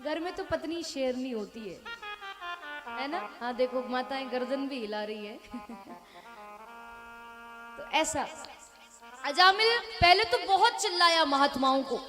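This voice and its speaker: A woman's voice: high voice, slow pace, long pauses, over music. A woman telling a devotional story to a live audience, joking with listeners and acting out quoted lines in a raised voice. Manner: addresses audience directly, jokes and asks for raised hands. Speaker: religious storyteller.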